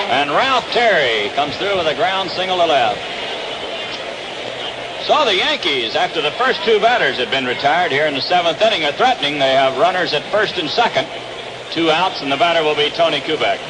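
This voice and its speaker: An American man with a fairly high voice calls baseball play-by-play live on a 1960s radio broadcast from an open-air ballpark booth, with background noise around him.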